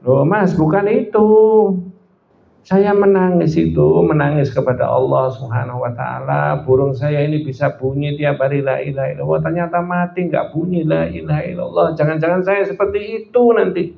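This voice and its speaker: A man's voice: fairly high pitch, fairly even intonation, normal speed, vocal fry, a little hiss or hum. A man voicing a grieving old sheikh with a Surabaya accent. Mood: grieving earnest. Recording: echoey lo-fi hall.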